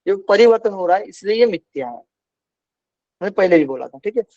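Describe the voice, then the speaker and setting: A man's voice: high voice, lively intonation, a little fast, dry recording, lo-fi sound. A male teacher giving an online philosophy class, explaining patiently and repeating key points.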